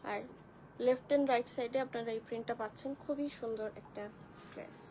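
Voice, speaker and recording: A high-voiced woman hosts a live online clothing sale. She chats with viewers, greets them by name and walks through each dress. A faint noise runs under the recording. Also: steady tone, fairly quick. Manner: chatty, addresses viewers as sisters, greets commenters by name. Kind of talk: live-stream product showcase.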